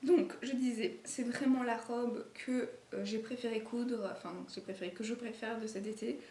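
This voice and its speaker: A woman's voice: on the high side, steady tone, moderate pace, warm tone. A woman sewing vlogger with an accent, chatting casually about garments she made, full of fillers and restarts. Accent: non-native French accent. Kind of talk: casual chat showing garments. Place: indoor room at home, filming late in the day. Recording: echoey room with faint noise.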